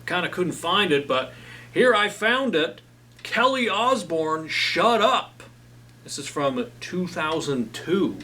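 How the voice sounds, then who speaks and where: Bright-voiced man rambling about records. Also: sits high, lively intonation, slow, far from the mic. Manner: enthusiastic, rambling with many fillers. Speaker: host. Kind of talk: casual talk about records.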